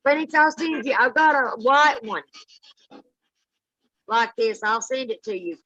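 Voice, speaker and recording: A woman's voice: a little high, a little slow, sharp tone, no room sound, dull audio. A woman hosting a live paranormal session in casual chat, putting questions directly to spirits and viewers.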